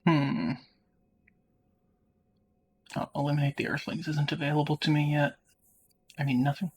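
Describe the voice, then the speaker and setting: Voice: medium pitch, little pitch movement, moderate pace, a little mellow, slight background noise. A player giving casual gameplay commentary, offhand and often muttering while concentrating on the game. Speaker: video game streamer.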